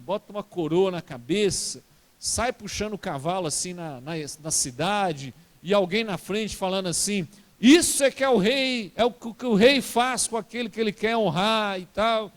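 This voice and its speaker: A man's voice: sits high, lively intonation, normal speed, big-room sound, voice pushed down. A man voicing a boastful, vain court official who speaks eagerly.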